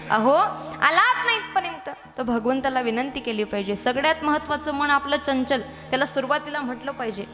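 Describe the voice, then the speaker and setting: A woman preaching a devotional kirtan sermon, teasing her women listeners and calling for answers in lively call-and-response. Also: high voice, brisk, big-room sound.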